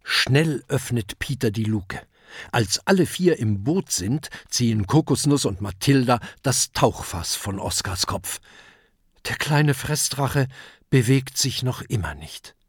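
A man narrating a children's adventure audiobook in a lively storytelling manner. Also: medium pitch, slow, breathy edge, no echo, studio quality. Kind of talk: scripted narration.

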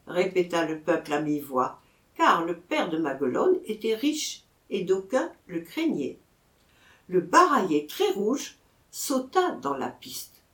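A woman reading a novel aloud as scripted narration, lifting her voice for the characters. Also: echoey room. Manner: unhurried reading, voicing the crowd and characters with raised pitch. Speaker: audiobook reader.

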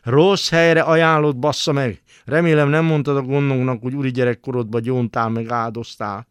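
A man voicing a brash, cocky young male survivor who talks roughly and teasingly, in a literary radio reading. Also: medium pitch, fairly even intonation, no room sound, studio quality, lightly acted. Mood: warning. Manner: rough, teasing, swears casually.

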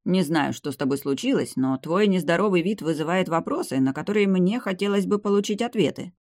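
A woman's voice: lowish voice, expressive, fairly quick, darkish tone, no echo, voice pushed up, lightly acted. A woman voicing a persistent young aristocratic man who keeps pleading with his former lover, in a dry-sounding reading. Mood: earnest.

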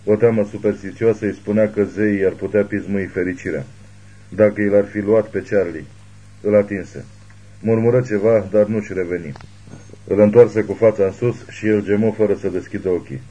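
Husky, low-voiced male audiobook narrator. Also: steady tone, mellow, dull audio. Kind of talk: scripted thriller narration.

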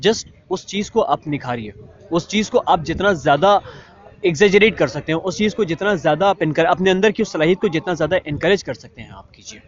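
A man's voice: high voice, lively intonation. A young man, senior member of a student club, giving an earnest, persuasive talk to new students and asking rhetorical questions. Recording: dull, lo-fi sound.

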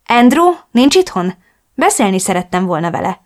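A woman's voice: mid-range voice, sing-song, a little mellow, close to an everyday voice. A woman reading an audiobook voices a caring young woman friend who speaks with concern and soothing reassurance.

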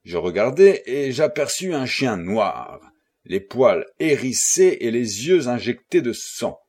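A husky male narrator reading a classic novel aloud. His measured delivery has lively, wide-ranging intonation. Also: medium pitch. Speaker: audiobook narrator. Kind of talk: scripted narration.

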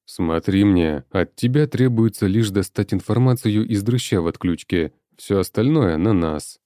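A man voicing a gruff, bossy young man in an audiobook, curt and commanding. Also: fairly low pitch, lively intonation, moderate pace, dark tone, no room sound, studio quality, natural voice. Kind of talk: audiobook character voice.

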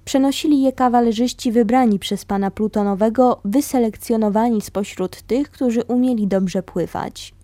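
Woman calmly reading a memoir. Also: a little high, normal speed, hardly any pauses, dry recording. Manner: calm, steady storytelling. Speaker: reader of a memoir.

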